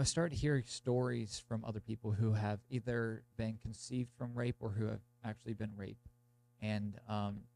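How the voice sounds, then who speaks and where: A young man on the low side, with vocal fry and a slightly mellow quality, hosts a podcast. Congested from a cold, blocked nose, sore throat, he introduces the episode in a casual, meandering monologue peppered with "like".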